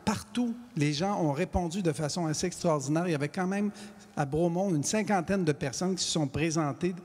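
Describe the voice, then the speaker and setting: A man moderating a Q&A on stage with a handheld mic, halting with many fillers. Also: a little high, a little mellow. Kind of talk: hosting a post-show Q&A. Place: stage of a large hall. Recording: long hall reverb, faint noise.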